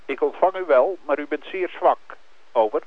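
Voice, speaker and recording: A coast guard radio operator speaks over a marine two-way radio, his voice thin and tinny as if through a narrow phone-like band. He keeps a calm, formal radio procedure and reads call signs and numbers out slowly. His pitch sits a little high for a man. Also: no room sound. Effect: heard over a marine two-way radio.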